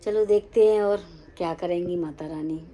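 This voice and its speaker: A woman's voice: fairly low pitch, normal speed, warm tone, poor audio. A middle-aged woman chatting casually to viewers in a home vlog, speaking to them as friends and family. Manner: chatty, addresses viewers as sister and brother. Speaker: home vlogger.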